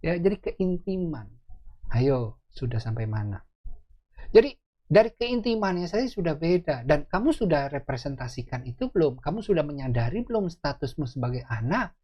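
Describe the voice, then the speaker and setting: A man giving a casual sermon-style teaching, animated and quick to laugh, with chatty asides to his listeners. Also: a little high, muffled recording. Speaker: preacher.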